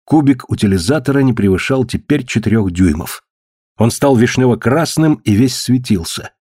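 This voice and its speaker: A male audiobook narrator reads a scripted story aloud in a steady, measured way. His middle-pitched voice has a breathy edge. The recording is dry and close, with no room sound.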